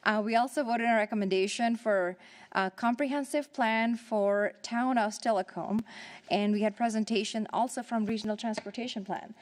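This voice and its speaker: Woman council president, out of breath, halting report full of fillers. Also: fairly high pitch, steady tone. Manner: halting, many fillers and restarts.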